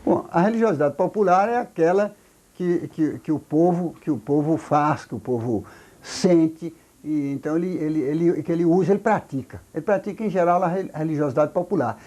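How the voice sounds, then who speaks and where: An older man from Brazil with a Brazilian Portuguese accent, a folklorist explaining things slowly in an interview, halting with many repeated words and restarts. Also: a little high, warm tone. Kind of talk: recorded oral history interview.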